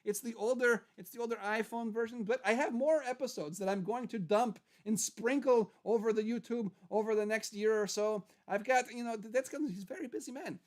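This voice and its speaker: A talkative skeleton played by a man hosts a casual livestream in a high-pitched character voice. He rambles along and repeats his phrases for emphasis, like a puppet show host chatting with fans. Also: a little fast, few pauses. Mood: chatty, upbeat.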